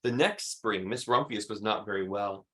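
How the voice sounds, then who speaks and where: A man reading a children's story aloud expressively, with emphatic delivery and dramatic pauses. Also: fairly low pitch, fairly bright tone. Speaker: read-aloud host.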